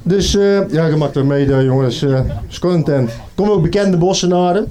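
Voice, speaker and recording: A man, a comedian, telling comic stories in a chatty, animated way. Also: on the high side. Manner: chatty, animated, doing quick voices. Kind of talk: comic storytelling monologue.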